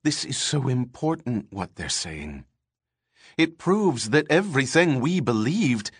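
A man putting on an excitable, anxious woman, high and pleading, coaxing the people around her. Her voice jumps sharply up and down. The recording is dry and close. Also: a little slow, husky, no echo, heavily acted. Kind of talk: audiobook character voice.

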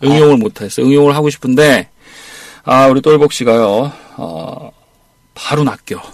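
A man's voice: mid-range voice, moderate pace, no room sound. A man teaching English on a radio lesson, playful and teasing as he coaches his co-host.

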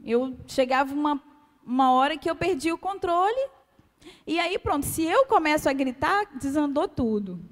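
A woman with a Brazilian Portuguese accent giving a calm, soft-spoken testimony sermon to a church. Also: high-pitched, moderate pace. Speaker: church speaker. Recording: long hall reverb.

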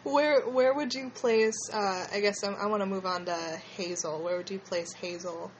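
A woman's voice: mid-range voice, fairly even intonation, moderate pace, highs cut off, slight background noise. A woman with a slushy lisp hosting a casual fan discussion in a hesitant, rambling way. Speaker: podcast host.

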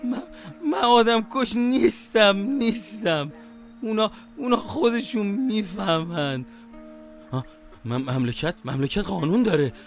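A man's voice: high voice, soft background music. An actor playing an older, fatherly taxi driver in an audio drama, pleading and prone to stammer when frightened. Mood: distraught, pleading. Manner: pleading, stammering under pressure.

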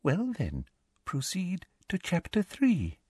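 A man voicing a prim, condescending woman teacher who speaks smoothly and sleekly. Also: high-pitched, wildly swooping pitch, slow pace, darkish tone, dry recording, clean studio sound, voice pushed up, full character voice. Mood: hushed sweet.

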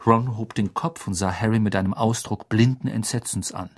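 Expressive husky male storyteller. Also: lowish voice, normal speed. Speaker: audiobook reader. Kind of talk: scripted narration.

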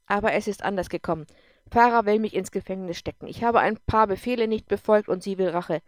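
A woman doing a loud, scornful drunk man. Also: mid-range voice, fairly quick, dry recording, studio quality, natural voice. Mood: angry. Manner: loud, contemptuous, pushing. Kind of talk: audiobook character voice.

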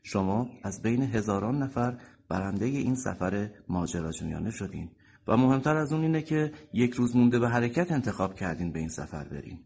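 A man's voice: lowish voice, expressive, gravelly, a little mellow, breathy edge, full character voice. Man voicing a firm, assured company chief. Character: confident male company chief, about forty.

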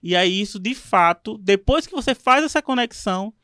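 A man's voice: high voice, lively intonation, normal speed, bright, forceful tone, no room sound. Guy hosting podcast, thoughtful, fillers, dry close sound. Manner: reflective, thinks aloud with many fillers. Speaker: podcast host. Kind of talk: podcast conversation.

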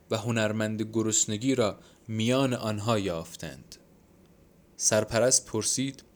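A man reading a literary story aloud as an audiobook narrator, measured and somber. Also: medium pitch. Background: soft instrumental music.

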